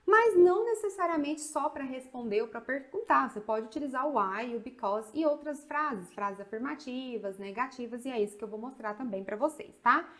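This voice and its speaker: A woman with a Brazilian accent teaching an English video lesson, chatty, and slowing down to pronounce English examples. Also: high-pitched, animated, fairly bright tone.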